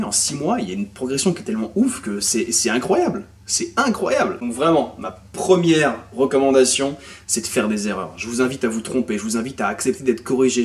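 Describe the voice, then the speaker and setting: A young man from France talking casually to camera, animated and full of crude slang, as an au pair sharing language tips. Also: medium pitch. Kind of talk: casual vlog monologue. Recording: voice slightly distant from mic.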